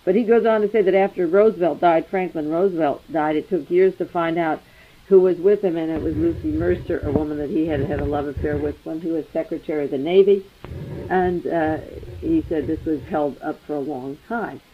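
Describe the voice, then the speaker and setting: A man's voice: fairly high pitch, fairly even intonation, brisk, slight background noise. A man delivering a rambling, speculative monologue as a commentator, thinking aloud with many fillers and asides. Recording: dull lo-fi archival recording.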